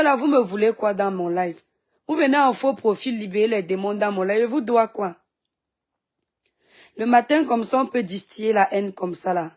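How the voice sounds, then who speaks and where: A woman's voice: fairly high pitch, a little mellow. A woman from Cameroon chatting on a phone live stream, greeting viewers by name and talking back at critics, with a sore throat.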